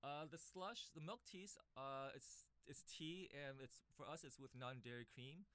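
A man's voice: medium pitch, measured pace, bright, forceful tone, clear, resonant tone, dry recording. A man from Vietnam, a middle-aged shop co-owner and guest, speaking plainly and a little hesitantly. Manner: plain, hesitant, simple phrasing. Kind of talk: casual interview.

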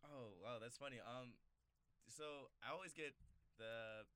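A man's voice: mid-range voice, unhurried, sharp tone, no echo. A man hosting a casual interview show, chatty and loose, often hunting for the right word. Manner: loose, chatty, searches for words. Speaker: show host.

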